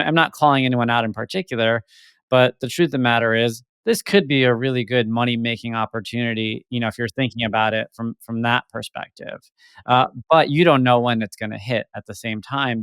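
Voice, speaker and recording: Male podcast host, gravelly with a dry, close sound, rambling thoughtful questions. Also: medium pitch, a bit bright, no room sound. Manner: rambling, thoughtful, many fillers and restarts. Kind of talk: interview podcast.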